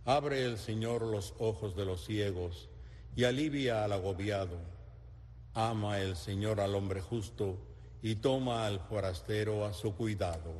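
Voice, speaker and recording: A man's voice: lowish voice, a little slow, a little mellow. A man delivering a responsorial psalm as its leader in a large echoing church. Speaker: psalm reader. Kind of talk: responsorial psalm with repeated refrain. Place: large reverberant church interior. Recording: long echoing church reverb.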